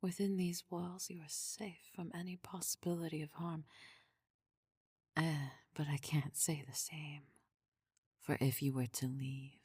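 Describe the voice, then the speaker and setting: A woman playing a possessive, devoted necromancer queen in an ASMR role-play, speaking formally and with measured control in a deep, husky, breathy voice. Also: little pitch movement, warm tone, dry recording, studio quality, heavily acted. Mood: possessive, persuasive.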